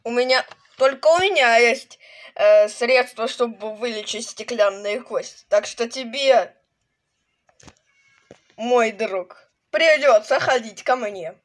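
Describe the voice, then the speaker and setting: A woman voicing a crazed, gloating male mad scientist professor in an amateur toy animation, speaking haltingly. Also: a little high. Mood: indignant, gloating. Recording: noisy home recording with clicks.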